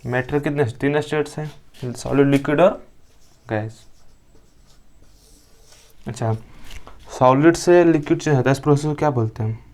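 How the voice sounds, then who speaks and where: A man's voice: a little high, normal speed, long pauses, darkish tone. A young man from India teaching a science lesson. He asks the class questions, answers them himself and repeats each key term. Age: young adult. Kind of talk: classroom lecture.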